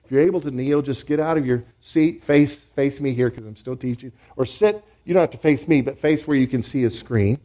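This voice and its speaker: Brisk and with few pauses, a pastor's warm, mid-range voice carries a teaching sermon in church. He leads the congregation in call-and-response and group praise.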